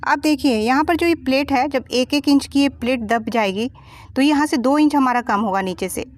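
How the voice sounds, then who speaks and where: A woman's voice: sits high, normal speed. Patient woman teaching blouse cutting. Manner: patient, explaining each step. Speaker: sewing teacher. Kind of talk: step-by-step tutorial voice-over.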